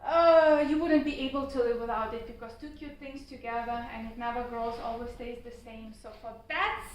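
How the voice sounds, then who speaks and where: A woman with a high voice speaks cheerfully at a club meeting and laughs often. She is far from the mic, the room echoes strongly, and a faint background hum is present. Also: fairly even intonation, moderate pace. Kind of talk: impromptu speech at a club meeting.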